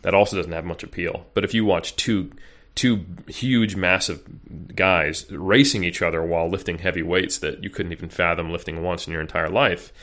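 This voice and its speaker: Very deep-voiced man, rambling chat. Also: steady tone, normal speed, hardly any pauses, a bit bright. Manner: rambling, many fillers and restarts. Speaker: podcast guest, bodybuilding coach. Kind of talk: casual interview chat.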